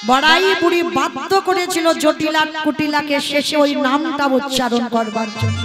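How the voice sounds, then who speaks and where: A woman's voice: high voice, fairly even intonation, normal speed. A woman kirtan singer telling a devotional story in an impassioned way, addressing her listeners directly. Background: devotional instrumental music.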